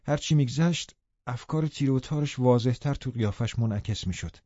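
A man narrating an audiobook in a steady, even storytelling manner. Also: medium pitch, no echo, muffled recording. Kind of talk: scripted narration.

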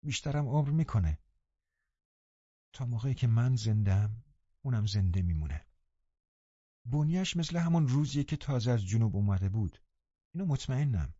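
A man's voice: mid-range voice, mellow, dry recording, natural voice. A man reading an audiobook voices a headstrong teenage girl, speaking in a pleading, self-assured way. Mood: insistent. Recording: slightly dull, muffled recording.

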